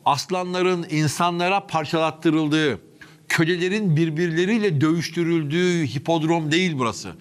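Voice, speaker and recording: His voice a little high and his pace moderate, a history vlog host leads an on-location tour through stone tunnels beneath an old city. He narrates dramatically, talking directly to his audience and crew while the chamber echoes.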